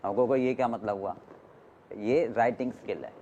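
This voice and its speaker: A man's voice: lowish voice, moderate pace, warm tone, highs cut off, a little hiss or hum. A man teaching a class, mixing Hindi and English, often stopping to question his students. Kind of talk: classroom lecture.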